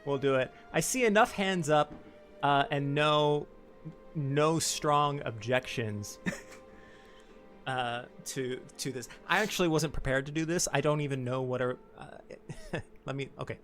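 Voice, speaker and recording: A man presenting a game livestream, talking fast and loosely with a chuckle. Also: on the high side, fairly bright tone, faint music behind.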